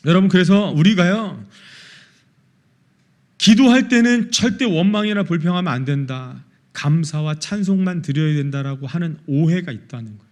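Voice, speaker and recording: A pastor preaching a sermon, asking the congregation questions and acting out prayers and quarrels in quoted voices. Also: male voice, fairly high pitch. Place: church worship service.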